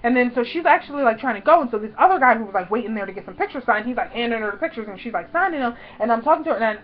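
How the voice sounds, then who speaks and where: A woman vlogger telling a personal story in an excited, gushing way, full of "like" and "y'all". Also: on the high side, very fast. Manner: gushing, breathless, lots of "like" and "y'all". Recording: dull lo-fi recording.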